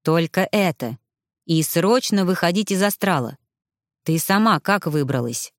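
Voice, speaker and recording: Woman putting on a stern old ghost mage, storybook, lowered voice. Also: measured pace, no echo, clean studio sound. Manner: instructive, grim. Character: old male ghost, stern great-grandfather and former mage.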